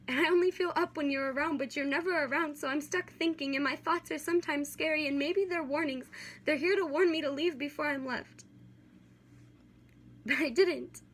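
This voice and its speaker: In an amateur recording with slight background noise, a young woman with a high voice performs slam poetry. She delivers it earnestly and dramatically, in a steady spoken-word rhythm.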